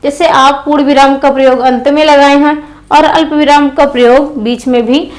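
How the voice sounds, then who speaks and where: A woman's voice: high voice, steady tone, moderate pace, low-quality recording. A woman teaching an exam-prep grammar lesson, who repeats key phrases and puts questions to her students.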